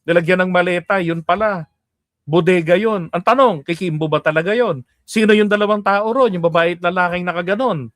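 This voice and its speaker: A man's voice: sits high, brisk, no room sound, clean studio sound. A middle-aged man from the Philippines giving casual political commentary as host, chatty, often laughing and asking his listeners to agree.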